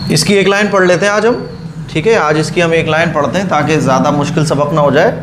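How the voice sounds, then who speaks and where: A man's voice: on the high side, steady tone, fast, background noise. A man teaching Quran reading step by step, patiently drilling each letter and repeating the rule. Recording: echoey room.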